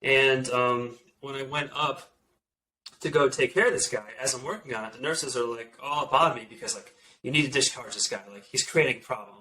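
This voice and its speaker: A man in his thirties, an orthopedic surgeon, telling stories from residency in a casual, animated way full of "like" fillers. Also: mid-range voice, rough recording. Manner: animated, many "like" fillers, quotes others in asides. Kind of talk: casual podcast storytelling.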